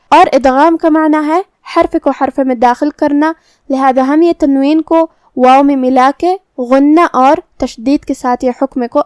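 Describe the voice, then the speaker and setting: A woman with a Pakistani Urdu accent calmly explaining Quran recitation rules step by step in a tajweed lesson. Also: high-pitched, dry recording.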